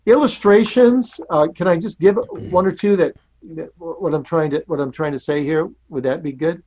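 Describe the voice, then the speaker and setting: A man's voice: a little high, moderate pace, darkish tone, lo-fi sound. A man in his sixties or older, a pastor being interviewed. He tells illustrations earnestly and often repeats his words. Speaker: pastor and guest. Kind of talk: interview with storytelling.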